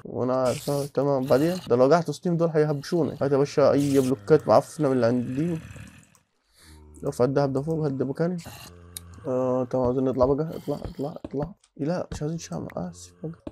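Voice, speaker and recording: Rapid-fire excitable Egyptian gamer guy. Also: a little high, a little hiss or hum. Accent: Egyptian Arabic. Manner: excitable, mutters to himself, bursts into alarmed shouts. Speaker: gaming channel host. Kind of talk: casual Minecraft gameplay commentary.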